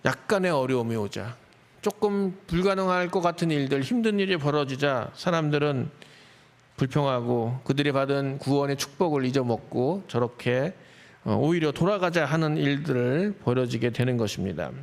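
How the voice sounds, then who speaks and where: A male pastor preaching a sermon in a church, expressive and acting out the voices of the people in his story. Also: mid-range voice, normal speed. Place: church sanctuary.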